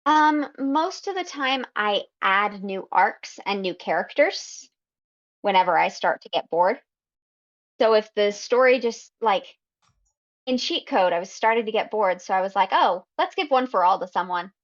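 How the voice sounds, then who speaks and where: Unhurried woman writer, lo-fi audio. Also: mid-range voice, animated. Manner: unhurried, thoughtful, frequent ums. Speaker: guest fanfiction writer. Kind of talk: casual podcast interview. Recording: slightly dull lo-fi audio.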